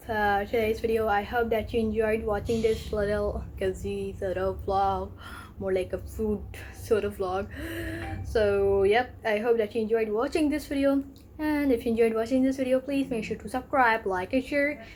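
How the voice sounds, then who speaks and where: Young woman, casual vlog chat, mellow warm tone, filler-heavy, faint room hum. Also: a little high, steady tone, moderate pace, low-quality recording. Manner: chatty, lots of fillers. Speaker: vlogger.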